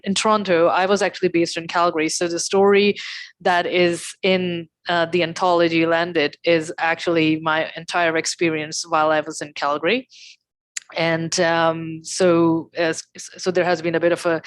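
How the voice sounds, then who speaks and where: A young woman speaks in a low, fairly flat voice, pausing often with fillers and restarting her phrases. She sounds close and dry, heard over a video call. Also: dry recording. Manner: halting, many fillers and restarts. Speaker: panelist. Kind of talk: casual talk show introduction.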